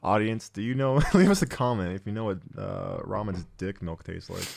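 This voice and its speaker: A man's voice: on the low side, animated, moderate pace, gravelly, a little mellow, no echo. A young man co-hosting a casual podcast chat, joking, swearing and laughing often. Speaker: podcast co-host.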